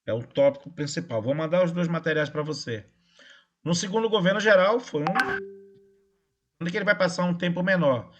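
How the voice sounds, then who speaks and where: Male history teacher, slightly high voice, casual online lecture. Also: brisk, pauses often, highs cut off, soft background music. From Brazil. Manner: casual, checks in with "tá?" and "né?".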